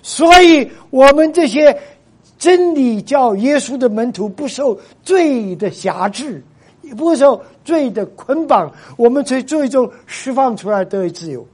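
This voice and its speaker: A man's voice: very high-pitched, animated, measured pace, a little mellow, husky. A male pastor preaching a sermon to his congregation. He stresses points by repeating himself and often drops English phrases into his Chinese.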